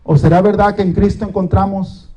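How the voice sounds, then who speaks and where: A male pastor with a notably high voice, preaching a sermon. He builds with dramatic pauses and repeated phrases. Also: fairly even intonation, warm tone, poor audio.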